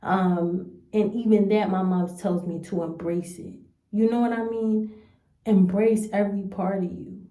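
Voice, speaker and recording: A young woman from the United States speaks slowly and earnestly, thinking aloud in a casual vlog. Her voice is mellow and warm, and the room around her gives it a noticeable echo. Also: medium pitch, steady tone. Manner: earnest, rambling and hesitant. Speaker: vlogger. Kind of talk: casual reflective commentary to camera. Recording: roomy echo.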